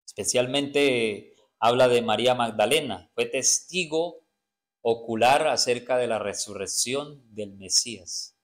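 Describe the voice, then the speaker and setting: Male preacher, teaching sermon, quizzes the congregation, halting repeats. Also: medium pitch. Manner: asks the congregation questions and answers them; halting, repeats words while searching.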